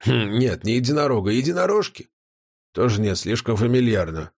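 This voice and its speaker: A man's voice: medium pitch, very animated, moderate pace, darkish tone, husky. Man voicing a smug, mocking fat chaos guardian. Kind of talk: audiobook character voice.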